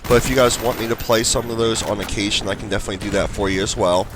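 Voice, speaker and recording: Gunfire from the game plays behind this stuffed-up young man as he casually commentates for his gaming channel, using plenty of fillers. He speaks rapid-fire in a fairly low, steady, congested voice.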